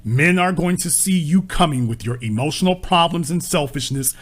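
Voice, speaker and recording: A man with a slightly high voice lectures a caller on his relationship advice call-in show, being blunt, crude, and scolding. He talks at a moderate pace.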